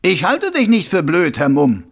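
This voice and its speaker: A man doing a cruel, smug killer with a high, taunting voice that skips up and down between chuckles. The tone is gravelly and husky, a condescending giggle running under everything he says in this audiobook reading. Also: huge pitch swings, moderate pace, exaggerated voice. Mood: gleeful. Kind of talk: audiobook character voice.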